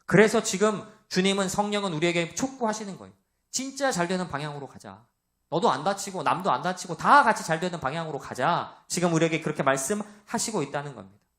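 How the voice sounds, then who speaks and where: Young male pastor, loud and animated, sermon delivery, fairly high voice with a lively swinging pitch. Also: quick pace. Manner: animated, acts out quoted voices, asks the congregation questions.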